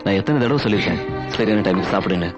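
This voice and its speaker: An actor playing a worried young husband who comforts his wife with soft, coaxing words. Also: deep voice, lively intonation, rapid-fire. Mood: calm coaxing. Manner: soothing, coaxing. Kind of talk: film dialogue. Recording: dull film soundtrack with loud music.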